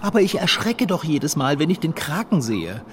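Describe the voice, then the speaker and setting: Ein Mann spricht einen ängstlichen, schreckhaften Begleiter in einem Hörspiel. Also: male voice, fairly high pitch, sing-song, moderate pace, fairly bright tone, slight background noise. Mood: nervous. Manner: anxious, easily startled. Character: timid, jumpy male sidekick.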